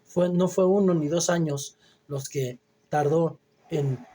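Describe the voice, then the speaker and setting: A man preaching a Bible teaching sermon, reading scripture aloud and then explaining it, often pausing with hesitant fillers. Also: a little high, mellow, slightly rough.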